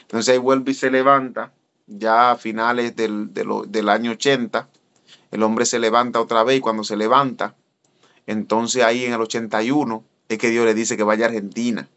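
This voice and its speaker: Preacher guy telling a story to the flock, lively, kinda muffled lo-fi sound. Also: normal speed. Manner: animated, addresses listeners directly, voice jumps high when excited. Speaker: evangelist. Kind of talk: storytelling sermon. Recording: dull lo-fi recording.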